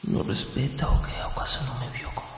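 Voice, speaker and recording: A man voices a jealous, protective, grumpy young best friend for a close Spanish-style ASMR roleplay, sounding breathy, frequently whispering, sarcastic and defensive. The acting is light and fairly quick, coming out as flustered muttering.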